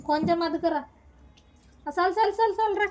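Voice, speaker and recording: High-voiced mother coaxing her child. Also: brisk, a little mellow, a little hiss or hum. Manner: coaxing and scolding, questioning her daughter. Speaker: mother and vlogger. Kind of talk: casual home talk with her child.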